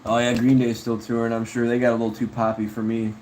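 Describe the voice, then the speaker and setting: A man's voice: mid-range voice, monotone, fast talker, darkish tone, a little hiss or hum, rough recording. A man chatting casually on a livestream, rambling laid-back about viewer comments and calling people bro and dude. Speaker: streamer.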